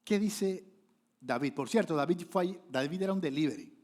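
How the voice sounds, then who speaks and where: Animated pastor preaching. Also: male voice, on the high side, a little fast. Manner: lively, animated preaching with sudden loud rises and acted-out quotes. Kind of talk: sermon.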